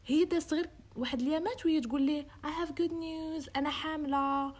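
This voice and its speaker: Telling a true-crime tale in casual conversation, the host, a young woman with a Moroccan accent, slips into English and performs the quoted lines. She sounds brisk, with a high voice and a steady tone.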